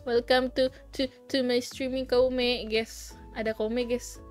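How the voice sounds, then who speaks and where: A woman with a somewhat high voice hosts a casual livestream. She chats and giggles, reads her chat aloud and teases her viewers. Soft music plays behind her. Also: flat delivery, measured pace. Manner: playful, teasing, mixes in English. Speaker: livestream host.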